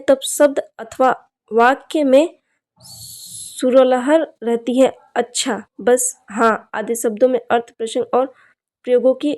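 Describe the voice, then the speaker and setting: A young woman teaching an exam-prep grammar lesson, speaking slowly and deliberately and often telling students to look closely. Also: a little high, dark tone. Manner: slow, deliberate, repeats "dekhiye" often.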